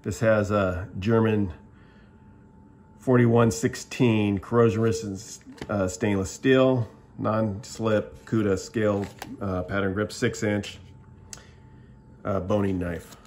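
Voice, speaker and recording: Slow and a little mellow, a middle-aged man speaks with fairly low pitch and fairly even intonation. He gives a plainspoken, rambling show-and-tell product review at an indoor table, filming the tabletop and often restarting sentences.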